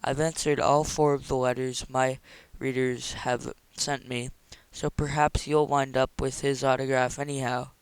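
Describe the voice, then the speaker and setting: A man's voice: medium pitch, level tone, measured pace, smooth, dry recording, natural voice, low-quality recording. A man reading aloud voices a tired older male writer with a dry, magisterial manner.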